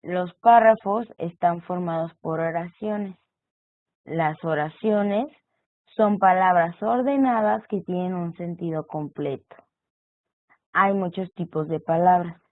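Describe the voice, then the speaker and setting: A woman's voice: fairly low pitch, slow, no echo. A woman explaining punctuation and text structure as an online course teacher, walking through examples. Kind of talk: recorded online lecture. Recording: tinny phone-like audio.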